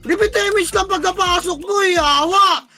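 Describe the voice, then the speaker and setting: A player calling shots in live esports team comms, barking rapid callouts, counting down and cursing often. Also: extremely high pitch, pushed and bright, soft background music. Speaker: team shot-caller.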